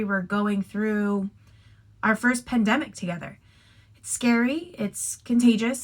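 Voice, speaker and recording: A teacher with a fairly high voice reads a picture book aloud to young children. She's expressive and instructive, slipping in casual asides along the way.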